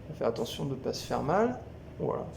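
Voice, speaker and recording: A man commenting on his video game as he plays, thinking aloud with excited exclamations. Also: mid-range voice, a little fast, gravelly, noisy background. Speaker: gameplay video host. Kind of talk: live gameplay commentary. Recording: echoey room with game music.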